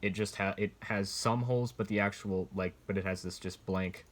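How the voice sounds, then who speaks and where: A collector reviews military surplus gear in a casual, unscripted show-and-tell, rambling and hesitant, hedging as he explains. His voice sits low with a steady tone at normal speed, and there is slight background noise.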